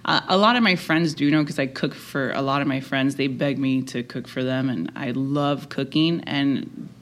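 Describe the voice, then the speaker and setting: A woman's voice: extremely low pitch, normal speed. A woman from Miami, a podcast guest chatting casually and laughing easily. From Miami, United States. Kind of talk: casual interview chat.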